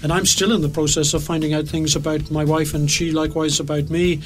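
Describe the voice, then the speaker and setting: A man's voice: on the high side, level tone, fairly quick. A middle-aged man discussing relationships on radio, thoughtful and a bit hesitant. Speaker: radio show co-presenter. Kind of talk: conversational discussion.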